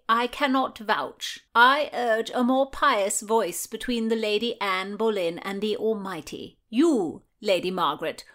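A woman's voice: on the high side, a bit bright, pitched above the performer's own voice. A woman voicing a sanctimonious, zealous Tudor noblewoman who speaks in a weary, preachy tone in an audiobook reading. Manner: weary, preachy, lip-pursing.

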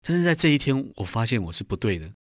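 A man's voice: medium pitch, big pitch swings, quick pace, no echo, studio quality. A middle-aged man earnestly telling his personal testimony in an interview. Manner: earnest storytelling, acts out quoted voices. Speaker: guest giving testimony.

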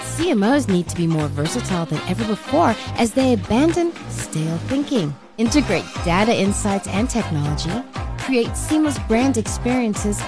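A woman announcer reading a scripted show intro in a polished, measured way. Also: on the high side. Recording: voice over music bed.

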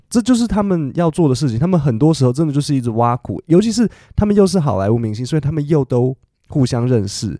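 A man's voice: mid-range voice, dark tone, dry recording, clean studio sound. A man, an English teacher explaining things in a chatty podcast style, full of fillers and English asides.

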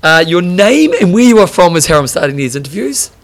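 A man's voice: sits high, sing-song, fairly quick. A man doing a casual sports interview, asking informal, curious questions in a chatty way.

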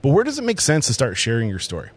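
A man's voice: mid-range voice, wildly swooping pitch, racing, husky. A man from New Hampshire hosting a casual interview podcast, upbeat and chatty, with frequent fillers and restarts. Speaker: podcast host.

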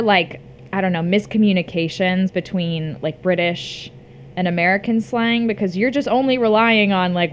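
A woman interviewer with very lively, swinging intonation. She asks questions in a casual, informal way and chips in to agree, with faint background noise around her voice. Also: mid-range voice. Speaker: interviewer, host.

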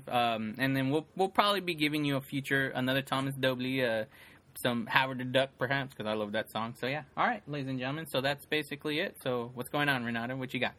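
On a podcast he co-hosts, a man with a sharp-toned, mid-range voice chats casually. His talk rambles, with lots of fillers and frequent restarts.

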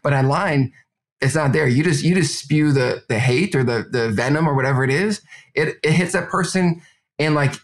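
A man's voice: a little high, normal speed. A man in his thirties in a casual podcast conversation, talking in a loose, rambling way and laughing easily. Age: 30s. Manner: rambling, many fillers and restarts, laughs easily.

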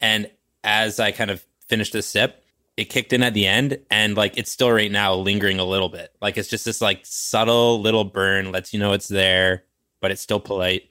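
A man's voice: fairly low pitch, level tone, normal speed, sharp tone, smooth, no room sound, clean studio sound. A man co-hosting a casual podcast from home over a remote call, telling stories and cracking jokes about beer. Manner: chatty storyteller, jokes around. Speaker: podcast co-host. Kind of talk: casual chat.

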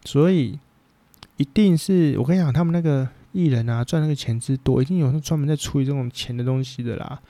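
A man with a Taiwanese Mandarin accent holds forth in a casual podcast chat, blunt and rambling, swearing without a second thought. His voice has a gravelly, mellow timbre. The sound is dry and close, with no room around it. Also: mid-range voice, fairly quick, dry recording. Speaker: podcast host.

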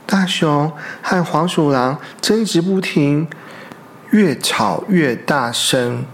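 A storyteller, reading a picture book aloud to young children and asking them questions. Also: mid-range voice. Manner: slow, gentle, asks the children questions.

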